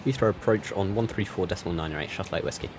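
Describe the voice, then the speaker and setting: A man's voice: low voice, rapid-fire, background noise. A man doing clipped, procedural pilot radio readbacks as if over a cockpit headset. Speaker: flight sim tutorial host. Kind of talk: ATC radio phraseology readbacks.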